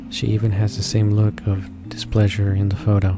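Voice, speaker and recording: Reading a visual novel's narration out loud, a gaming channel host stumbles now and then, corrects himself and drops in casual comments. He speaks at normal speed in a lowish monotone. Game music plays quietly throughout.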